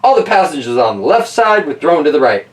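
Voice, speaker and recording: A high, sing-song voice carries the reading briskly, with casual, wry jokes about the story for the children listening. The mic is far away.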